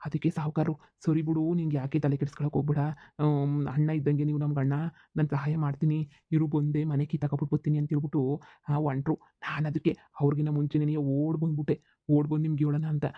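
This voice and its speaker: A tattling village farm servant from a cartoon comedy, voiced by a man. He talks very fast in a flat, high-set voice. The sound is thin and tinny, like a phone line. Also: no echo, lightly acted. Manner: deferential, tattling, rapid.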